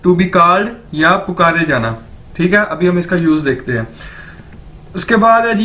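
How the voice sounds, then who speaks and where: A man teaching a recorded lecture, saying each word slowly and over and over for learners. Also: sits high, a bit bright. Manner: repeats words slowly for learners. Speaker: language teacher.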